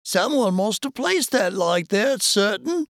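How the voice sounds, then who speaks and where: A man playing a wary night prowler in an audiobook, his voice pitched high and tight with alarm. He speaks in urgent, uneasy bursts, as if someone might be watching. The recording is dry and close. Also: sing-song, a little slow, fairly bright tone, no echo, full character voice.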